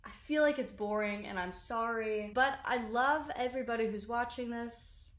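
In a small bedroom, a young social media creator rambles to the camera about her favorite makeup, full of "like" fillers and self-deprecating remarks. Her voice is a little high and a bit bright at a moderate pace, and the room is reverberant.

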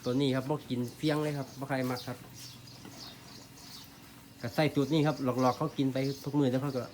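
This farmer vlogger speaks with an Isan accent from Northeastern Thailand, his mid-range voice moving fairly quickly as he chats casually beside a cattle pen outside. His polite, easygoing phrases end in "khrap phom," with a slight background noise behind him.

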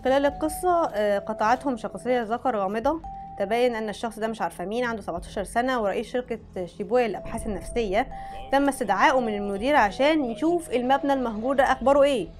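A woman with an Egyptian Arabic accent chats frankly with her viewers at a very fast clip, her voice sitting a little high. She often breaks off mid-word and starts again. Faint music plays behind her. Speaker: anime vlogger. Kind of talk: casual chat reading out recommendations.

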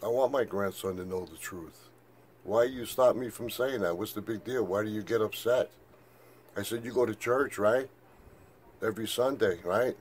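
A man's voice: on the low side, normal speed, breathy edge. An older man telling a rambling story in a monologue to camera, full of fillers and "I said". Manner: meandering, repeats "I said", many fillers. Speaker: flat-earth video maker.

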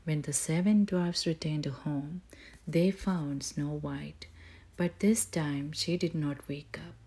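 A woman reads a bedtime fairy tale softly, slipping often into a whisper. Her voice is low and mellow, with a husky edge, and she takes her time. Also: steady tone, takes it slowly. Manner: soft, often whispered narration. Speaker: storyteller. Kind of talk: bedtime story reading.

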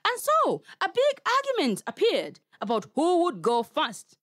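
A woman's voice: very high-pitched, huge pitch swings, measured pace, dry recording, studio quality. A Kenyan woman telling a story to children, playful and talking straight to her young listeners. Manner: playful, addresses children directly.

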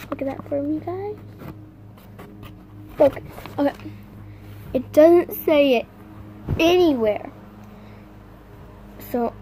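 A woman vlogging an unboxing, talking straight to her viewers in a halting, complaining way. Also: high voice, dark tone, slight background noise. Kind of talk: casual unboxing chat to viewers.

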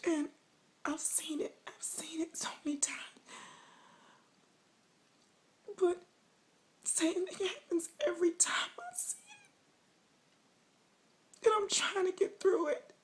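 A woman playing a sobbing, overwhelmed woman in a mock confession to camera, with snotty crying, halting whimpers and a voice breaking into whispers. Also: very high voice. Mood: tearful, struggling. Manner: halting, whimpering, broken phrases. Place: small room indoors. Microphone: phone or webcam at arm's length.

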